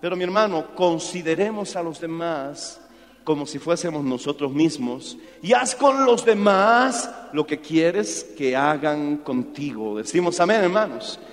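A man's voice: fairly high pitch, expressive, measured pace. A middle-aged man from Peru preaching a sermon, telling anecdotes and calling his listeners brother. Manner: storytelling, addresses listeners as brother. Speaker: pastor. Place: church. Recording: long hall reverb.

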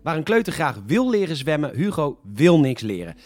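A man hosting a scripted satirical news show, delivering sarcastic, mock-indignant commentary that sometimes bursts into shouting. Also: on the high side, very animated, moderate pace, no echo.

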